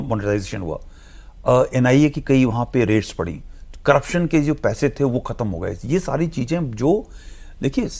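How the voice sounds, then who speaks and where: A man with a gravelly, creaky voice holds forth as a guest analyst on a televised discussion. He explains point by point in a measured, lecturing manner, now and then switching into English phrases. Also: medium pitch, darkish tone.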